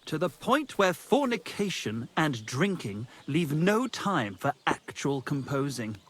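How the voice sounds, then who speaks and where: A man's voice: on the high side, sing-song, a little slow, a bit bright, slight background noise. An actor playing a pompous, lovesick male troubadour poet in a video game, theatrical and scornful of anyone he thinks a boor. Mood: lofty. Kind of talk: video game cutscene acting.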